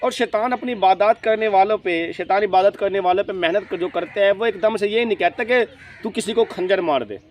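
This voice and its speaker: A man's voice: high-pitched, brisk. Man, religious lecture, emphatic, distant mic, faint background noise. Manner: repetitive, emphatic, asks and answers his own questions. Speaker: host, spiritual lecturer.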